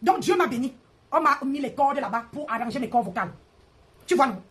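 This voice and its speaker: A high-pitched woman hosts a live stream and rants at her rivals. She mocks them and repeats her jabs in a heated, confrontational way. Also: expressive, fairly quick, a bit bright. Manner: mocking, repetitive, confrontational.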